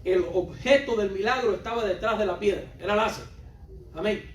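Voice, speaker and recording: A man's voice: high-pitched, a little fast, a little hiss or hum. A man preaching a sermon, emphatic and repetitive, putting questions straight to his congregation. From Cuba. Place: church hall. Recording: roomy hall, voice from a distance.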